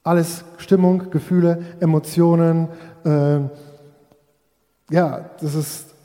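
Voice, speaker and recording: A man delivers a reflective sermon directly to his congregation, occasionally acting out quoted voices. His slightly high voice is warm and steady, his pace slow, and the recording carries long hall reverb.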